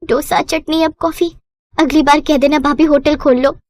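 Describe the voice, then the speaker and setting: A woman's voice: high voice, dry recording, natural voice. Woman doing Ragini, a cheeky young bride. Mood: sarcastic. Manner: quick-witted, sarcastic quips.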